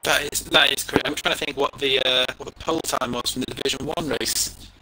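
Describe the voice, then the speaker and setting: A man's voice: mid-range voice, steady tone, a little fast, noisy background. A man co-commentating a sim-racing race over online voice chat, laid-back with lots of fillers, his voice coming through robotic and distorted. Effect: robotic digital distortion. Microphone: headset over online voice chat.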